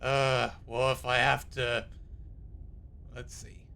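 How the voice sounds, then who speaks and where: A man's voice: medium pitch, little pitch movement, slow pace, creaky, pushed and bright, slight background noise. A man giving casual live commentary as he streams a game.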